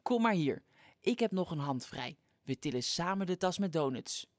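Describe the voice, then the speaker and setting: A woman's voice: on the low side, animated, normal speed, dry recording, clean studio sound, lightly acted. A storyteller voicing Sas, a practical, cheerful girl in a children's storybook, friendly and a bit bossy. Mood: helpful. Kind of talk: storybook read-aloud.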